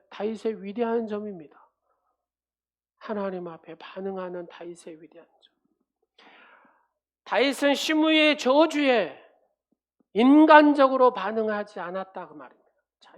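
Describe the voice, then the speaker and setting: A woman's voice: mid-range voice, measured pace, long pauses. A woman pastor preaching a sermon at a church service, driving her points home with repeated phrases and questions to the congregation.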